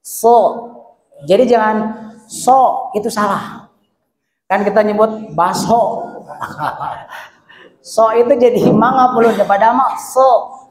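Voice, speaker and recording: A man's voice: sits high, slow, long pauses. A man teaching Quran recitation, patiently demonstrating sounds and repeating syllables one by one. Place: hall at a hospital study gathering. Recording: roomy echoey hall.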